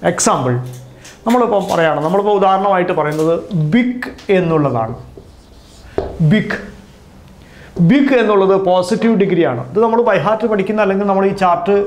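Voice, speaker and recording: A man with a high voice teaches a grammar lesson and works through each word form slowly, saying it again and again. The room is echoey, so his voice rings around him as it would in a bare classroom. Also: lively intonation. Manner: patient, repeats and drills each word form. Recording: roomy echo.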